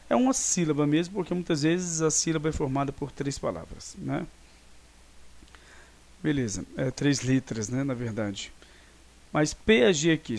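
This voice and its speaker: A man's voice: on the high side, a little mellow. A man with a Brazilian Portuguese accent, teaching a grammar lesson, explaining step by step, checking in often and correcting himself as he goes. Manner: corrects himself mid-sentence.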